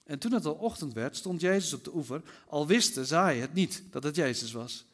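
A male pastor giving a fervent sermon in a church and reading scripture, moving between loud emphasis and hushed reading. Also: on the high side, expressive, normal speed.

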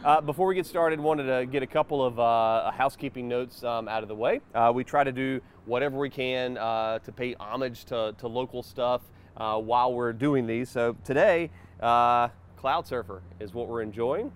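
Clear-voiced man hosting a chat. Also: medium pitch, normal speed, few pauses. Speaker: interview show host. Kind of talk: casual chat interview. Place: outdoors in a backyard.

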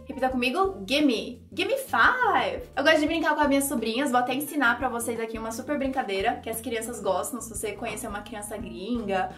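A woman with a Brazilian accent teaches English slang in a bright, high voice, repeating each phrase and prompting viewers to say it with her. The room is echoey, with soft music underneath. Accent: Brazilian Portuguese. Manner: lively, drills phrases and asks viewers to repeat after her. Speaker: English teacher and channel host. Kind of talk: YouTube language lesson.

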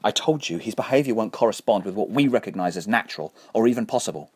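A man's voice: on the low side, expressive, fast talker, a little mellow, slightly rough, dry recording. A man reading the lines of a nervous, bookish American woman with an American accent who stammers. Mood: anxious. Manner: stammering, anxious.

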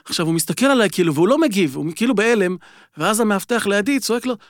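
A man with a high, light voice tells stories with a lively, animated delivery. He is chatting casually on a sports podcast. His voice sounds dry and close to the mic. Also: no room sound. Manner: animated storyteller. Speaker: podcast panelist.

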